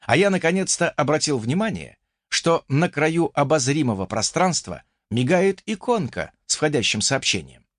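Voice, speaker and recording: A man reading a fantasy audiobook in the first person with expressive storytelling. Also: a little high, dry recording, clean studio sound. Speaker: audiobook narrator.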